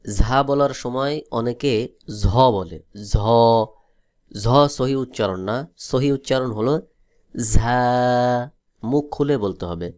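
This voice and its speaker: A man from Bangladesh teaching Quran letter pronunciation, drilling each letter slowly and repeating it several times. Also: mid-range voice, darkish tone. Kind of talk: slow letter-by-letter pronunciation lesson.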